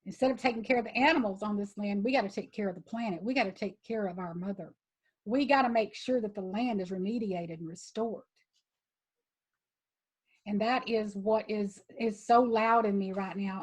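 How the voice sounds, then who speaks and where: A woman speaks as a guest at a gathering, her voice at an ordinary middle pitch. She talks earnestly and with passion, urging her listeners to act. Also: moderate pace, low-quality recording. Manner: earnest and impassioned. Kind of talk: heartfelt talk.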